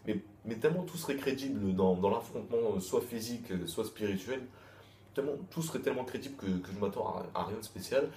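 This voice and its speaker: This manga chapter reviewer has a lowish, mellow male voice and talks quickly. He rambles loosely and repeats himself, restarting often and dropping crude slang, while faint background noise hangs in the echoey room.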